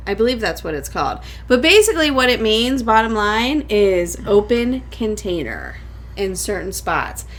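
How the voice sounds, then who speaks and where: A woman's voice: medium pitch, fairly bright tone. Chatty podcast host woman. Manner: chatty, laughs often. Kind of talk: casual podcast chat.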